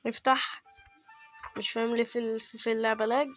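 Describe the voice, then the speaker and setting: A man's voice: very high-pitched, flat delivery, quick pace, pushed and bright, soft background music. A man with an Egyptian Arabic accent doing let's-play horror game commentary, chatty with viewers and yelping at sudden frights. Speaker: gaming YouTuber.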